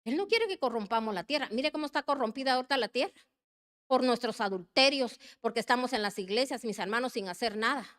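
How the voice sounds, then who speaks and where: A woman preaching a sermon with passion, calling her listeners her brothers again and again and swinging between loud urging and quiet, heartfelt pleading. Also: fairly high pitch, lively intonation, fast talker.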